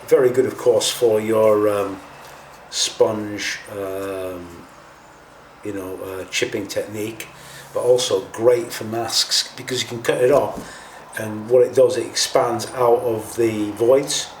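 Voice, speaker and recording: A man's voice: fairly low pitch, steady tone, slow. A man giving a casual hands-on tutorial as host, informal and a little hesitant as he thinks aloud. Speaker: host of a scale model painting tutorial. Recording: roomy, distant mic, faint noise.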